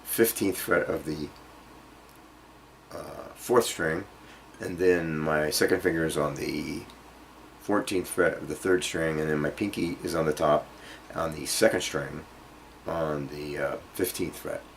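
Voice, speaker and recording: With a rumbling low voice, steady tone and measured pace, a man teaches guitar informally, hesitantly explaining each piece as he demonstrates. Loud acoustic or jazz guitar accompanies his speech, and there's a little hiss or hum.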